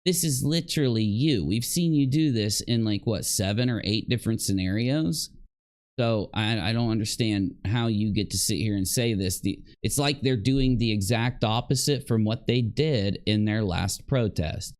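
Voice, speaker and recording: In a lowish, darkish voice at a moderate pace, a streamer argues and levels accusations during his unscripted reaction to another person's video.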